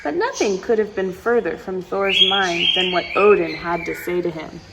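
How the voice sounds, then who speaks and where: This story time host has a fairly low-pitched voice and keeps a moderate pace while reading a storybook to young children. She is expressive, with exclamations and asides aimed at her little audience. Background noise comes through clearly.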